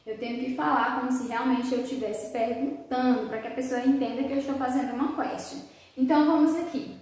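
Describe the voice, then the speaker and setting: A woman English teacher, giving a video grammar lesson, slowly modeling example sentences and asking herself rhetorical questions. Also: high-pitched, steady tone, a little mellow, a little hiss or hum. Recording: very echoey room.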